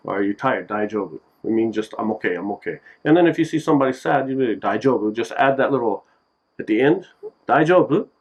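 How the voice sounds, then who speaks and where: A man talks through a relaxed, homemade phrase lesson at an everyday pitch. He jokes between examples and says each word again and again so the listener can copy it. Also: fast talker, poor audio. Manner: relaxed, joking, repeats words to drill them. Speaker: language teacher. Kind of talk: casual language lesson. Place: Japan.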